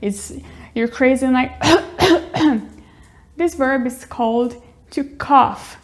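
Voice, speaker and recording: High-voiced young woman teaching English. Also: steady tone, unhurried. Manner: cheerful, explains with little demonstrations. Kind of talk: casual teaching with acted demonstrations.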